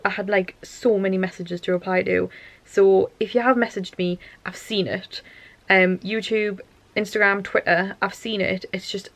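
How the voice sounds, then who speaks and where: Late at night at home, a young female vlogger delivers a casual, rambling talk to camera, tired, losing her voice and often interrupting herself. Her voice sits in the mid range, and the recording carries no room sound.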